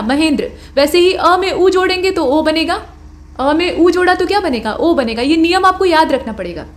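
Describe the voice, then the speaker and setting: A woman's voice: extremely high pitch, echoey room. A woman teaching an exam-prep grammar lecture, patiently explaining rules and answering her own questions.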